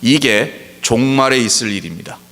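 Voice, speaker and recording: A man preaching a sermon as pastor, pressing his points with emphatic rhetorical questions and slowing down to stress key words. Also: mid-range voice, expressive, a bit bright, a little hiss or hum. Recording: long hall reverb.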